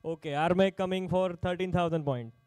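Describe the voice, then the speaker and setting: A man's voice: high-pitched, steady tone, brisk, a little mellow, clear, resonant tone, dry recording. A man working as an auctioneer at a live sports player auction, calling out bids in short, repeated phrases.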